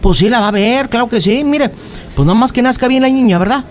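A man's voice: very high voice, brisk, soft background music. A man voicing a pleading young boyfriend in a radio prank call. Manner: pleading, swears oaths, wheedling.

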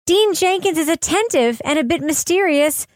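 A woman hosting a podcast, chatty and animated, sometimes giggly. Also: very high voice, moderate pace, no echo, studio quality. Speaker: podcast host. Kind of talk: casual podcast chat and read promo.

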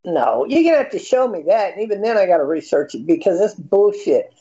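American guy in his 50s, high pitched voice, mellow tone but swingy, argues and cusses a lot. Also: lively intonation, a little fast, muffled recording. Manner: argumentative, blunt, profane. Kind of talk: heated casual debate.

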